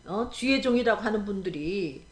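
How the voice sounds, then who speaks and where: A woman's voice: mid-range voice, expressive, normal speed. Emphatic woman preacher in an echoey room. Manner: emphatic, keeps asking the congregation. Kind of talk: sermon.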